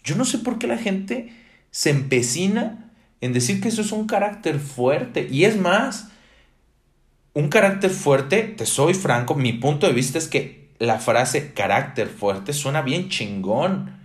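A man's voice: a little high, very animated, unhurried. A young Mexican man giving a casual reflective monologue, blunt and emphatic, swearing freely as he drives his points home. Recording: roomy echo.

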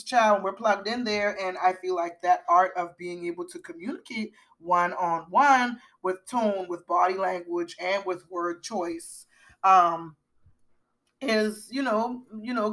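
A woman's voice: mid-range voice, fairly bright tone. A middle-aged woman co-hosting a podcast in casual chat, rambling with fillers and restarts. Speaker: podcast co-host.

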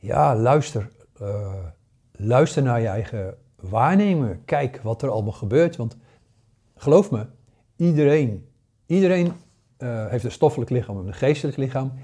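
A man in his sixties gives a casual spoken lesson. His voice is warm and mellow, and his talk is full of fillers, restarts and hesitations. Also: mid-range voice, breathy edge. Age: 60s. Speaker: paranormal course teacher.

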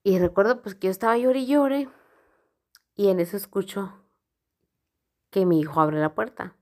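A woman's voice: medium pitch, moderate pace. A woman telling a personal story in a casual, frank way, full of filler words. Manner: frank, rambling, heavy use of filler words.

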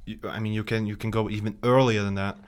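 A man co-hosting a gaming podcast in relaxed chat, tired and rambling with plenty of fillers and restarts. His voice is smooth and resonant and sits a little low. He grew up in Bosnia and Herzegovina. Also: quick pace. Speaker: podcast co-host. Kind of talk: casual chat.

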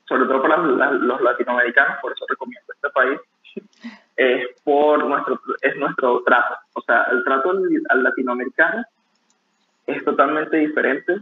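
Man, young adult, rambling casual talk, mid pitch, phone-line sound. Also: slight background noise. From Venezuela. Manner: relaxed, rambling, with many restarts. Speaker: barista guest. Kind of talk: casual interview conversation. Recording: tinny phone-like call audio.

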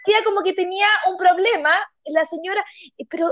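A woman with a Chilean accent, co-hosting a casual chat and telling funny family stories with lively acted-out quotes. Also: extremely high pitch, quick pace, dry recording. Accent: Chilean Spanish. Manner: animated, acts out quotes, laughs often. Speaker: podcast co-host.

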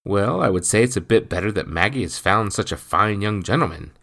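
A man's voice: on the low side, very animated, a little slow, pitched above the performer's own voice, exaggerated voice. A man doing a blustering, portly gossip. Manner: loud, blustering, talks with his mouth full. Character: portly gossiping male villager, blustering and nosy.

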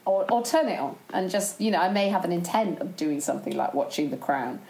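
A woman's voice: lowish voice, brisk, creaky, darkish tone, roomy sound, rough recording. A woman co-hosting a casual chat, rambling and chatty and laughing often. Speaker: podcast co-host.

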